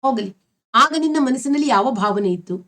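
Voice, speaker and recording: A woman's voice: high voice, expressive, a little fast, fairly bright tone. A woman reading an earnest young man in love.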